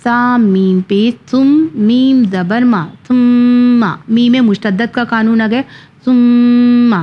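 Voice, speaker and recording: Female Quran teacher, higher voice, drills syllables slowly for children, muffled recording. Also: steady tone. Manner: spells out syllables slowly, then explains quickly. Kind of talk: children's Quran reading lesson.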